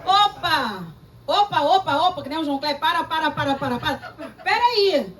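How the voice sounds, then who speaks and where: A woman pastor with a Brazilian Portuguese accent, preaching a lively, emphatic sermon full of personal stories. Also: high-pitched, normal speed, a little hiss or hum. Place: church service. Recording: distant mic with faint room ambience.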